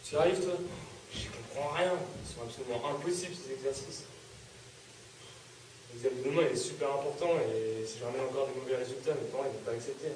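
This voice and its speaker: A man's voice: medium pitch, quick pace, a little mellow, close to an everyday voice. A young man in a student sketch, playing a struggling son who sulks and defends himself. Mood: frustrated. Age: young adult. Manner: sulky, defensive. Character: struggling, frustrated teenage son. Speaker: student actor. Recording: echoey room, distant mic, noisy.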